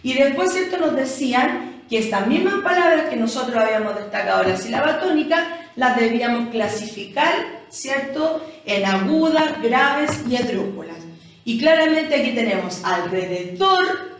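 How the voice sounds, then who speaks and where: A woman's voice: high voice, expressive, moderate pace. A woman with a Chilean accent, a teacher explaining a lesson who often asks her listeners "¿cierto?". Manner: explanatory, keeps asking "¿cierto?". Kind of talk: recorded language lesson review. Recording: echoey room, voice from far off.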